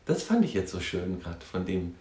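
A man who works as a counselor and music therapist, talking in a thoughtful, halting way with many tag questions. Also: deep voice, very animated, warm tone, reverberant. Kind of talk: reflective conversational talk.

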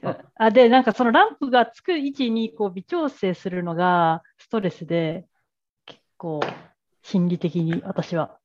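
A woman's voice: medium pitch, moderate pace, a little mellow, a little hiss or hum. A woman co-hosting a podcast in casual tech chat, candid and chatty about her small worries. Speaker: podcast co-host. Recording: muffled, dry close mic.

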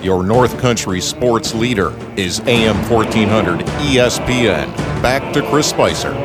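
A man's voice: lowish voice, measured pace, loud music behind the voice. Man reading an AM radio station ID.

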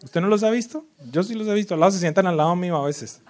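A man preaching a sermon as a pastor, lively and full of sudden loud rises and teasing impressions of worshippers. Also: high-pitched, fast.

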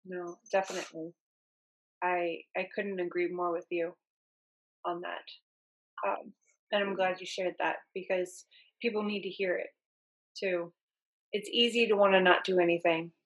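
A woman hosting an interview, supportive and quick with affirmations. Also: fairly low pitch, steady tone, rough recording. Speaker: interview host. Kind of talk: conversational interview.

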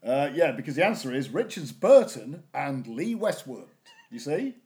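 A man playing a cheeky, sarcastic female mature student in an improvised comedy sketch, deadpan and teasing. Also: mid-range voice, normal speed, natural voice. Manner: deadpan, teasing, ends lines with a name.

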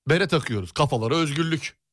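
A man's voice: a little high, a bit bright, no echo, studio quality. A man co-hosting a radio show, joking playfully and interrupting in casual comedic banter. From Turkey. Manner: playful, quick to joke and interrupt.

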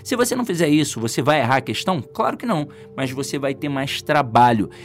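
A man's voice: medium pitch, fast talker, faint music behind. A man with a Brazilian accent teaching an exam-prep lesson in a casual, joking way, asking himself questions as he goes. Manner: lively, joking, asks himself rhetorical questions.

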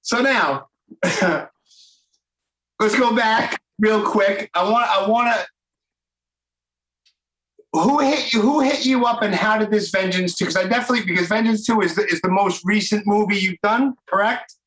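A man's voice: sits high, moderate pace, a bit bright, roomy sound, slight background noise, poor audio. A man with a Brooklyn accent hosting a podcast interview, chatty and enthusiastic in casual talk. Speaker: podcast host.

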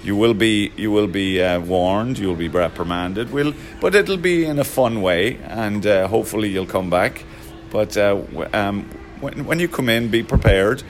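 A man with a very low voice talks about his pub in a loose, halting way. He fills pauses with ums and slips in jokes. Faint music plays in the background. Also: animated. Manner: hesitant, many fillers, jokey. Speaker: Irish pub owner. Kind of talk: casual interview.

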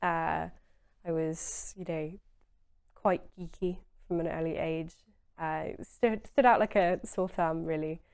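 Earnest young woman, lowish voice. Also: steady tone, takes it slowly, vocal fry, darkish tone, clear, resonant tone. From Essex, England. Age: 20s. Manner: earnest, emphatic, frequent "you know". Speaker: interview guest. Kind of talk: conversational political interview.

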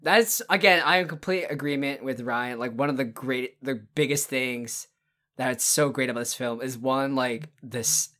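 Low-voiced woman, rambling podcast co-host. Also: normal speed, a bit bright. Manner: rambling, enthusiastic retelling with many fillers and restarts. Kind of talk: casual podcast chat about horror films.

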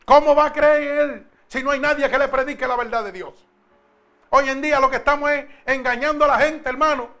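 A man preaching a sermon, talking with the congregation and asking them questions, then slowing down and stressing each word when he reads scripture. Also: very high-pitched, steady tone, pushed and bright. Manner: slow, emphatic when reading scripture.

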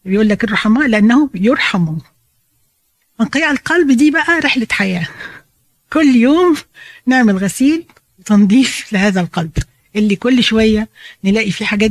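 A woman with an Egyptian Arabic accent teaches a Bible lesson at a quick clip, her explanations chatty and peppered with English phrases. The recording is dry and close, with no room sound. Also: medium pitch, dry recording.

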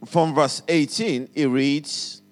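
Male Nigerian pastor, high-pitched preacher, repeats lines for emphasis, call-and-response. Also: steady tone, takes it slowly. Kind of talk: sermon.

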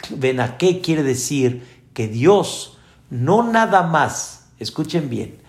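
Slow, fairly high rabbi preaching to his congregation, echoey room. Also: big pitch swings. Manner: slow, explaining, addresses listeners directly. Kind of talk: sermon.

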